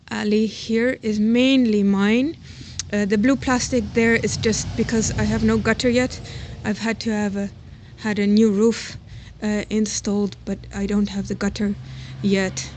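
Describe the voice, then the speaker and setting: A woman with a slightly mellow, mid-range voice wanders around her house and garden giving an off-the-cuff tour of her own plot, thinking aloud in a hesitant, casual way. The handheld recording, made while walking outdoors, is noisy with ambient sound.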